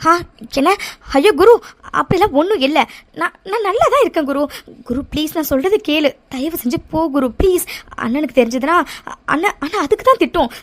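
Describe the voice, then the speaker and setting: A woman's voice: sits high, expressive, a little fast. A woman voicing an anxious young woman named Aara who keeps pleading and stumbles over her words. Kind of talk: cartoon voice acting.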